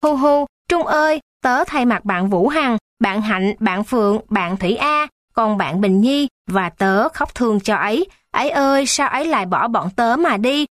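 A woman's voice: a little high, animated, measured pace, few pauses, no room sound, studio quality. A woman reading out a teenage schoolgirl's melodramatic mock lament, sobbing and wailing theatrically.

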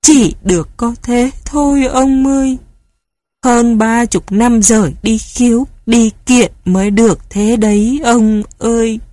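A woman voicing a stern, foul-mouthed elderly mother who gives commands and wails in lament, slowly and huskily. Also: on the low side, a little mellow, dry recording, clean studio sound. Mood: wailing. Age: older.

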